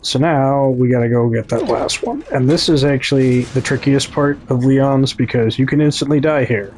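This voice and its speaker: This is casual, chatty gameplay commentary from a man with a Midwestern American accent who talks straight to the viewers and frequently revises himself mid-sentence. His voice is mid-range and darkish at a moderate pace, with a little hiss or hum on the recording.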